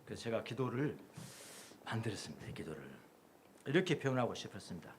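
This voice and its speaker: A man's voice: fairly low pitch, sing-song, fast talker, background noise. A middle-aged man from Jeolla, South Korea, preaching a Sunday sermon as pastor in a church, stacking repeated phrases into rhythmic lists. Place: church sanctuary.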